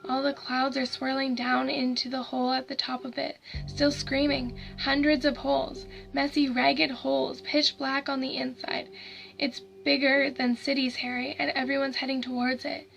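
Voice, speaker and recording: A woman doing a dead young boy, hushed and growling, high-pitched, gravelly edge, horror story. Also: level tone, moderate pace, soft background music, low-quality recording. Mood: awed dread.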